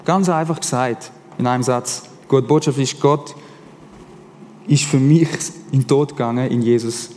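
A man's voice: medium pitch, moderate pace, a little hiss or hum. Swiss man preaching in a reverberant hall. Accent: Swiss German. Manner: casual, animated preaching with slang. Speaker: pastor. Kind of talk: sermon.

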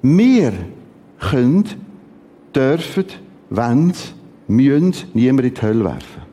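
A man with a Swiss German accent preaching a sermon at a church service, emphatic, with dramatic swings in pitch and repeated words for stress. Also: animated, unhurried, warm tone, a little hiss or hum.

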